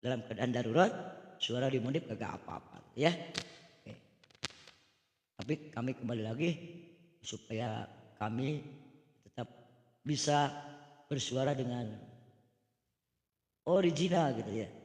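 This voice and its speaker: A hoarse man, giving emphatic religious advice and often tagging his sentences with "ya.". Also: medium pitch, measured pace, pauses often, a little mellow, a little hiss or hum. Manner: emphatic, with frequent "ya" tags. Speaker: preacher. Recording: long echoing reverb.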